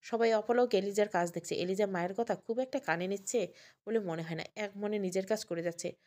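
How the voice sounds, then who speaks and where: A woman storyteller narrating an emotional family story in a steady voice. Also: medium pitch, a little fast.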